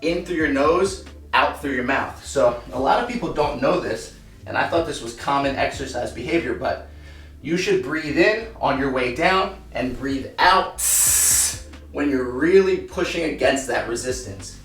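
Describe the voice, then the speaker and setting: A fitness coach with a medium-pitched, somewhat bright voice and lively intonation teaches push-up form in a workout tutorial, speaking a little slowly. He demonstrates while talking and gets short of breath at times, recorded from a distant mic in a roomy echo with soft music behind.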